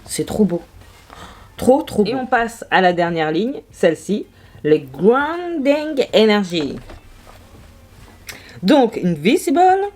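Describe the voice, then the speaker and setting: A woman's voice: medium pitch, big pitch swings, slow, pauses often, a little mellow. A young woman vlogging makeup swatches, gushing and exclaiming over each shade in casual chat. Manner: gushing, exclamatory, marvelling aloud. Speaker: beauty vlogger.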